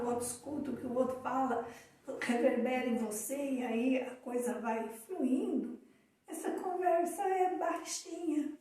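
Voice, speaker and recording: A Brazilian woman with a high yet mellow voice reflects calmly and tells a little story in a live chat. She is far from the mic in a strongly echoing room. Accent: Brazilian Portuguese. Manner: calm, reflective, tells anecdotes. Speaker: co-host of a live talk on emotional awareness.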